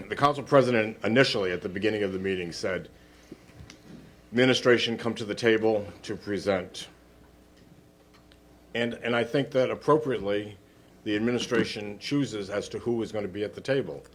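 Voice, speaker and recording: Lowish-voiced councilman, noisy room. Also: moderate pace. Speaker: city councilor. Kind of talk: formal procedural debate. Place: city council chamber. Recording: noisy chamber, sometimes off-mic.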